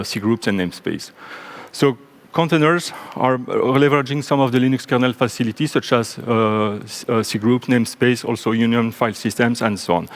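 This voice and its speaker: A man with a French accent from Belgium speaks at an ordinary, middling pitch as he presents a technical talk on a conference stage. He talks in a loose, good-humoured way, dropping in little jokes and plenty of ums and self-corrections. He sounds like a stage microphone in a big conference room. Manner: relaxed, joking, with frequent ums and restarts.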